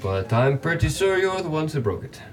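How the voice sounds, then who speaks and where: A man's voice: on the high side, big pitch swings, moderate pace, far from the mic, slight background noise. A man running a tabletop game as game master, casually describing the world and voicing characters, laughing often.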